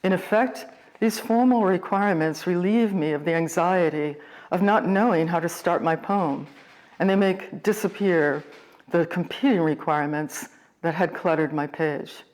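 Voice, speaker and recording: Measured woman lecturing on poetry. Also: lowish voice, a little mellow. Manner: measured, deliberate, reflective. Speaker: poet and series host.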